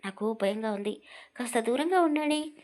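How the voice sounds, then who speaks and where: A woman's voice: a little high, expressive, normal speed, darkish tone, lightly acted. A woman voicing an innocent, childlike young bride who asks wide-eyed, pleading questions. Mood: naive.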